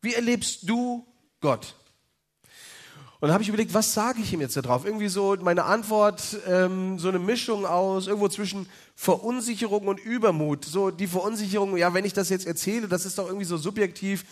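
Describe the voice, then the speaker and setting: A man in his thirties with a fairly high voice tells a personal faith story to an evening gathering. He speaks in a loose, chatty way, often pausing on fillers as he goes.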